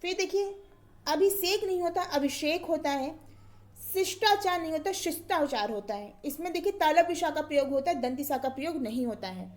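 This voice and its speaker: A high-voiced woman teaching an exam-prep grammar class. She talks methodically and repeats each word twice. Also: lively intonation, a little fast, hardly any pauses, darkish tone.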